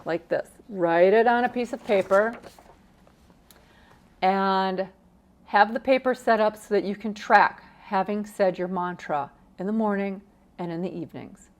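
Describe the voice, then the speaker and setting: A woman's voice: mid-range voice, measured pace. Encouraging woman, chatty talk. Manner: chatty and encouraging, acts out quotes with gusto. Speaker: personal finance vlogger. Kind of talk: casual motivational talk to camera.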